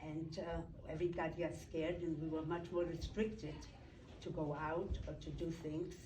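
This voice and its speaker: Elderly woman, halting, distant mic. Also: sits low, steady tone. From Poland. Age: 80s. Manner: halting, searching for words, many restarts. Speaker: interviewee. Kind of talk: recounting memories in an interview. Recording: roomy, distant mic, noisy room.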